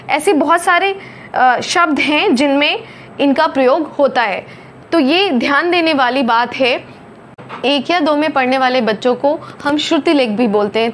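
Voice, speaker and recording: A woman teaching a phonics lesson, slowly over-articulating each letter sound. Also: sits high, slight background noise. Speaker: Hindi teacher.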